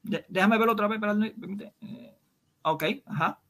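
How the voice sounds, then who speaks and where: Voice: medium pitch, normal speed, fairly bright tone. Una persona con acento caribeño que debate sobre religión por videollamada, insiste, repite sus argumentos y lanza preguntas retóricas. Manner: insistent, repeats points and fires rhetorical questions.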